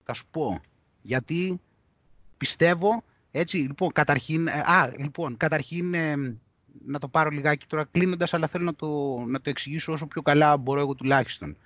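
A man hosting a podcast, talking in an animated, indignant way and reading news aloud mockingly. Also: a little high, no echo. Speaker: podcast host. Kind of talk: heated podcast discussion.

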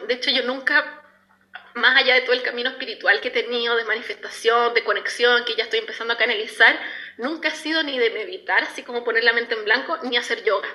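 A woman speaking as a spiritual coach in a relaxed, reflective talk. Her voice sits fairly high and rings very bright and sharp. She slips into the inner voices she describes with lively expression.

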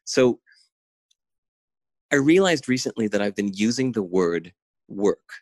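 A man's voice: lowish voice, expressive, a little slow, dry recording. A man talking as a podcast guest in casual conversation, intense and enthusiastic, laughing often, over a remote call.

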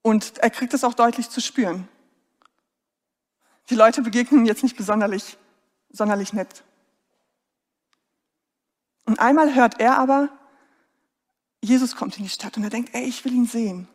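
A woman preaches an earnest, emphatic sermon and turns often to her listeners with direct questions. Her voice sits fairly high. A long reverb lingers after each phrase, as in a big hall. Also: a little slow, pauses often.

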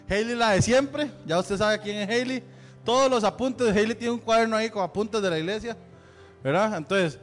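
A male pastor with a Central American Spanish accent, giving chatty church announcements and joking with the congregation. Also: sits high. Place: church sanctuary. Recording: long hall reverb with faint music.

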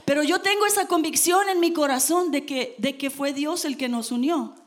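A woman's voice: high-pitched, normal speed. A woman preaching a sermon to her congregation, earnest and emphatic.

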